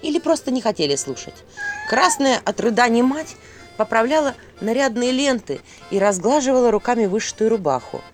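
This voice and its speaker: A woman narrating a folk tale with lively expression. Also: a little high, brisk, faint music behind. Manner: animated. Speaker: storyteller.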